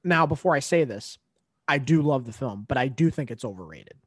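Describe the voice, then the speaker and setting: A man hosting a casual podcast chat, lively and quick to laugh and react. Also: medium pitch, husky, dry recording, studio quality.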